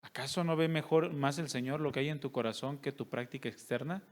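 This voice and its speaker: A man's voice: medium pitch, a little fast. A male pastor, preaching a sermon and putting rhetorical questions to his congregation. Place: church service.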